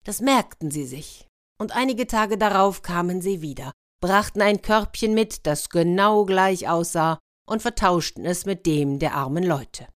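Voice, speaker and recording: A woman telling a fairy tale in a lively way, turning to her listeners with questions. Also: fairly low pitch, measured pace. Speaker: storyteller.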